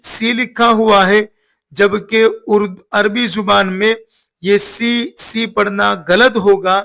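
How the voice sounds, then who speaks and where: Slow, gravelly high-voiced male teacher. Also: pushed and bright. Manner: drills letter sounds slowly, repeating each for learners. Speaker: Quran reading teacher. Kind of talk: step-by-step recitation lesson.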